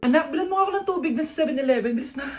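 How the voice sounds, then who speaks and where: A woman's voice: sits high, animated, very fast, darkish tone, echoey room, soft background music. A woman playing a doting, bossy mother. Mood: tender. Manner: fond, scolding, quizzing. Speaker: mother in a skit.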